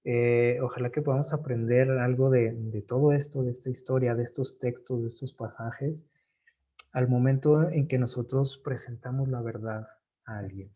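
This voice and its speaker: Dark-voiced man leading a Bible study. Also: medium pitch, steady tone, moderate pace. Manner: reads passages aloud then explains them conversationally, asking the group. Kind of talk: informal Bible study teaching.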